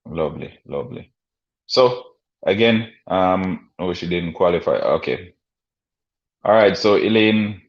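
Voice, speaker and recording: A man hosting a casual live sports stream, chatting and commentating in a halting way, often repeating words and phrases. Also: deep voice. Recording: dull, muffled lo-fi stream audio.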